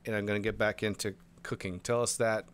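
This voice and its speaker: A man hosting a podcast, asking questions in a halting way with many restarts and some teasing. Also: lowish voice, flat delivery, a little hiss or hum. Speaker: podcast host. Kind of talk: casual interview.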